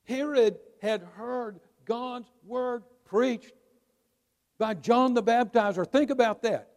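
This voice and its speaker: A male pastor preaches a sermon in a church sanctuary, his high, ringing, darkish voice trailing into the long reverb of a large hall. He preaches emphatically, stressing words and holding dramatic pauses.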